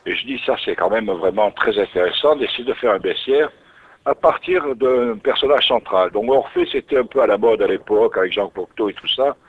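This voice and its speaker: Heard through tinny narrowband radio audio, a male interview guest tells his story in a musing way, frequently restarting his phrases. He speaks a little fast in a lowish voice with no echo.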